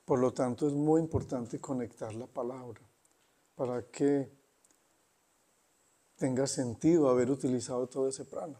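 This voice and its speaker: A man giving an unhurried spiritual talk, conversational and pausing often. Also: mid-range voice, steady tone, dark tone. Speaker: spiritual teacher. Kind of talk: satsang talk.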